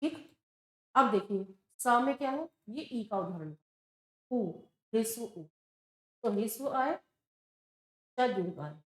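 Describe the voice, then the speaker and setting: Her voice high and expressive, a Sanskrit teacher works through grammar at the board for exam preparation, unhurried, pausing to ask questions she then answers. The sound echoes around the classroom.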